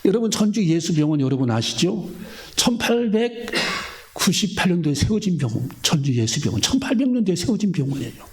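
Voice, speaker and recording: Lively male pastor preaching. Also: sits high, fairly quick, a little hiss or hum. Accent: Korean, Daejeon church. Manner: emphatic preaching, acts out voices in stories, questions the congregation. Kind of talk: sermon. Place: church sanctuary.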